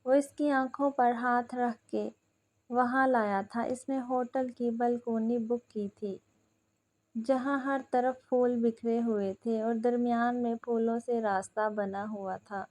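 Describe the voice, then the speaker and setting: A woman reads a romantic novel aloud as storybook narration, steady and dramatic. Her voice sits slightly high.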